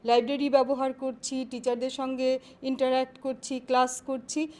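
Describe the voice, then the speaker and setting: A woman professor answering interview questions on careers in a measured, explanatory way, pausing often to find her words. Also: sits high, little pitch movement, a little mellow. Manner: measured, explanatory, with frequent pauses and fillers.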